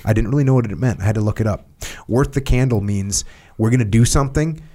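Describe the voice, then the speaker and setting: A man's voice: fairly low pitch, quick pace, mellow. Man reading aloud and riffing. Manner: reads book passages aloud and breaks off to explain them in plain words. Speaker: podcast host. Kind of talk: podcast discussion reading from a book.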